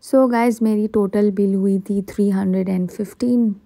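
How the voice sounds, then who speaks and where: Gravelly-voiced young woman food vlogger. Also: mid-range voice, steady tone, warm tone, no echo, clean studio sound. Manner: chatty, mixes Hindi and English, slows right down on English phrases. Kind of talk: casual vlog narration. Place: outdoors on a tree-lined road, then inside a cafe. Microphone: phone at arm's length.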